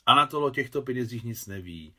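A shy young bride speaks in a raised, hesitant voice, as a male reader plays her. She sounds unsure and a little embarrassed, with the lift in pitch that marks her lines as a voiced part in an audiobook. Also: lively intonation, pushed and bright.

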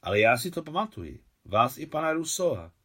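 A man reading an audiobook, voicing a spirited woman driver who talks briskly and with emphasis, raising his voice a little for her. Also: fairly high pitch, very animated, pushed and bright, voice pushed up, exaggerated voice. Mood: lively.

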